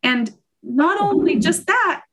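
A woman's voice: very high voice, slow. A woman guest on a podcast, telling road trip stories in casual chat, giggling and quoting herself. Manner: animated storyteller, giggly, quotes herself.

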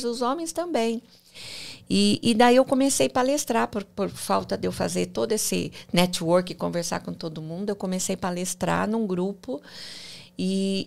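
A woman guest on a podcast, telling her own story in a casual, animated way and repeating words as she goes. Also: medium pitch, gravelly. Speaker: guest, mentor and speaker.

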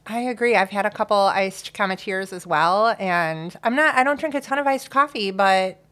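A woman co-hosting a casual podcast, easygoing and quick to laugh. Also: mid-range voice, a bit bright. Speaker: podcast co-host. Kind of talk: casual chat.

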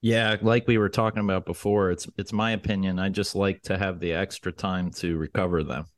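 Man, podcast co-host, very low voice, relaxed, encouraging. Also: fairly quick. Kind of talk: casual podcast chat.

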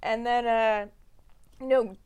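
A woman's voice: fairly high pitch, steady tone, slow, darkish tone, smooth. A young woman hosting a casual, joking podcast recorded in a basement, giggly and sweary. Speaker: podcast host. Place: basement of a family home.

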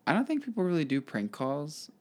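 A man's voice: on the high side, wildly swooping pitch, a little fast. A young man co-hosting a casual podcast chat, telling stories in a dry, laid-back way. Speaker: podcast co-host.

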